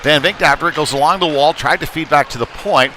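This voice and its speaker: With the din of an indoor rink in the background, a man does play-by-play for a youth hockey game from rinkside. He speaks fast at a fairly high pitch, sounding chatty and a bit hesitant until a shot comes and his voice lifts with excitement.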